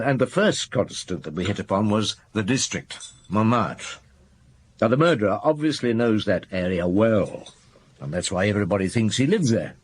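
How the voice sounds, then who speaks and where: An actor playing a middle-aged chief inspector in a radio drama, methodical and thoughtful, laying things out in a measured, deliberate way. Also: male voice, on the low side, breathy edge. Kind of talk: naturalistic radio drama acting.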